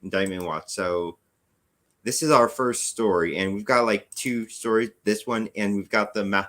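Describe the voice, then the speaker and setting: A man's voice: fairly low pitch, normal speed, a bit bright. An American man hosting a casual news podcast, sounding tired and rambling, often restarting his sentences and making chatty asides to his viewers. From United States. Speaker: podcast host. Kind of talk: casual news-commentary monologue.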